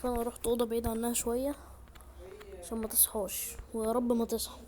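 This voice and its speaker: A woman with an Egyptian accent chats excitably through her gameplay, speaking quickly in a slightly high voice. She talks straight to her viewers from a room at home, with a faint hiss behind her. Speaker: gaming YouTuber. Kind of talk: gameplay commentary.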